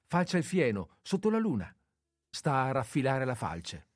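A man voicing a young female nurse, anxious and bustling, in a high, raised voice with sharp calls, in a storybook reading. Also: brisk, no echo, clean studio sound, lightly acted. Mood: cheerful.

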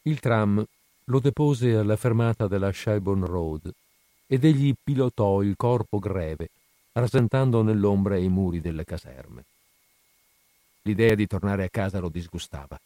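A man reading a literary short story aloud in a measured, unhurried way. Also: on the low side, warm tone, dry recording. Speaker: reader, channel host.

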